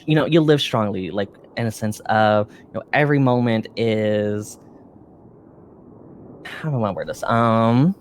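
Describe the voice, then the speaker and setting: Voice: mid-range voice, a little slow, slight background noise, lightly acted. A performer playing an earnest, encouraging psychic medium, giving a tarot reading in a hesitant, reassuring, intuitive way. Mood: reassuring, intense. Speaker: psychic tarot reader in a role-play. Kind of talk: improvised role-play tarot reading, seance medium manner.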